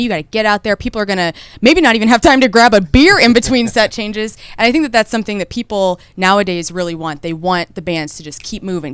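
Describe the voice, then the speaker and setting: Smooth-voiced woman radio host. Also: medium pitch, a bit bright, dry recording. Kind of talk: radio interview.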